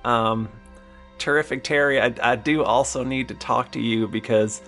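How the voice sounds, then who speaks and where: A man playing a flustered, apologetic town leader in an improvised tabletop game, halting and stammering as he placates everyone. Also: mid-range voice, a bit bright, faint music behind, natural voice. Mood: flustered, placating. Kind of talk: improvised tabletop role-play.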